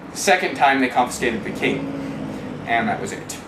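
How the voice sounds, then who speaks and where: Speaking briskly and expressively at medium pitch, a man being interviewed gives a wry, candid first-person account of his own experience. He casually swears and acts out exchanges he recalls. The sound is roomy, from a distant mic, with clear background noise.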